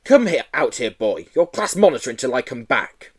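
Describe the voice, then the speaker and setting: A man's voice: mid-range voice, sing-song, moderate pace, slightly rough. A man voicing a fierce schoolteacher woman who barks, bawls and sneers at her class. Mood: harsh barking. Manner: barking, bawling, sneering.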